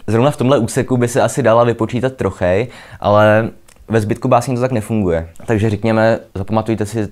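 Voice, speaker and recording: A young man with a Czech accent and a fairly low voice explains a poem in a relaxed, chatty way. He talks loosely, with fillers, like a student tutor going over school reading. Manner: conversational, loose fillers, reads verse aloud. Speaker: literature video host. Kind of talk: casual explainer lesson with poetry readings.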